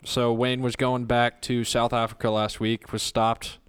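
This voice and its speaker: A man's voice: mid-range voice, little pitch movement, unhurried, clear, resonant tone. A man hosting a casual podcast, telling gossip stories in a laid-back way and cursing freely. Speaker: podcast host.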